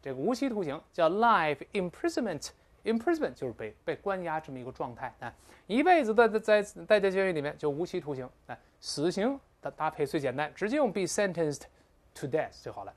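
During an English vocabulary lecture, a man throws in lively interjections and stretches out words slowly for pronunciation practice. His pitch is fairly high.

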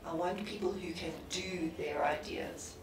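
A woman with a South African English accent speaking directly and briskly on a conference panel. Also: fairly low pitch, steady tone. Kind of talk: panel discussion. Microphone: handheld mic. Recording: very echoey hall, distant, background noise.

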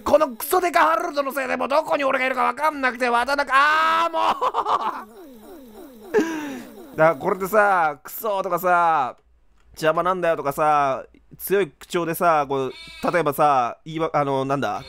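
A young man doing let's play commentary, rough-talking and exasperated, laughing often. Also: high-pitched, lively intonation, a little fast, a bit bright. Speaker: game commentator.

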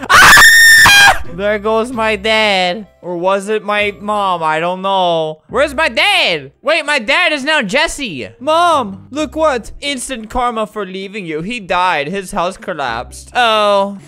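A young man giving comedic gameplay commentary, jokey and animated, breaking into squeals and shouts while he role-plays. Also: high-pitched, slow, few pauses, soft background music. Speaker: game commentator.

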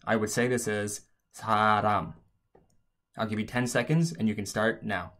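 A man's voice: on the low side, fairly quick. A man narrating an instructional language lesson as a teacher, explaining things step by step.

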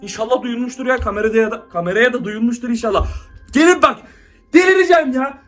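A man's voice: extremely high pitch, fast, fairly bright tone, soft background music. A young man vlogging at home into a handheld camera, frantic and exclaiming, constantly talking to his viewers. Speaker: YouTuber. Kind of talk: staged excited vlog.

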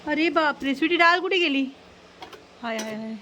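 A high-pitched woman, talking to her animals in sing-song baby talk, coaxing them and scolding them fondly. A faint hiss of background noise sits under her voice, with dogs heard now and then. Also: animated, moderate pace, pushed and bright. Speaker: vlogger feeding pets and strays.

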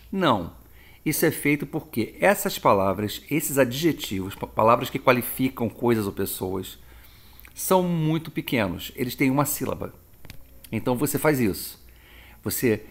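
A man from Brazil teaching an English grammar lesson, lively and explanatory, slowing down to model example phrases. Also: mid-range voice.

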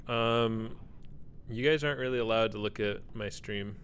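A man's voice: on the low side, moderate pace, fairly bright tone, slight background noise. A man hosting a game stream, talking casually and laughing often into a desk mic on an arm. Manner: easygoing, chatty, laughs often. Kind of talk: casual gaming chat.

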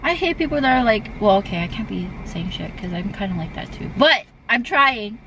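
A woman's voice: mid-range voice, brisk, creaky. A young woman chatting casually with a friend, swearing often and breaking into laughter as she tells stories. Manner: swearing, laughing, animated storytelling. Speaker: vlogger. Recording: distant mic with loud background noise.

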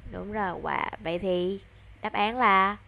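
A woman's voice: medium pitch, vocal fry, muffled recording. Encouraging Vietnamese-accented woman tutor. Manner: encouraging, slow deliberate English modelling. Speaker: English tutor. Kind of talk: online English lesson for a child.

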